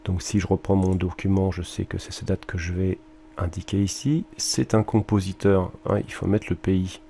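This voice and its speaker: A man's voice: low voice, steady tone, normal speed, vocal fry, warm tone, slight background noise. A male music teacher with a French accent, talking students through a research worksheet and thinking aloud with fillers and mild exclamations. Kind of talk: screen-recorded lesson walkthrough.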